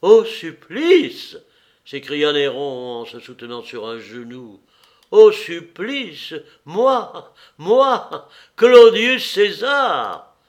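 A man voicing a proud, desperate Roman emperor who cries out in high, loud panic in an audiobook reading. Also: fairly even intonation, moderate pace, few pauses, natural voice. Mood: terrified.

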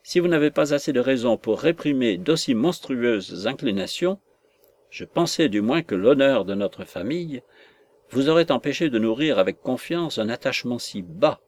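A man voicing a proud, stern older aunt quick to fury in a storybook reading, with an imperious, scolding delivery. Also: medium pitch, animated, lightly acted. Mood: furious.

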